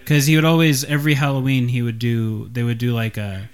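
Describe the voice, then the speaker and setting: Relaxed rambling young man. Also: mid-range voice, brisk, smooth. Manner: rambling, relaxed, full of fillers and jokes. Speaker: podcast co-host. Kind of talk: casual chat.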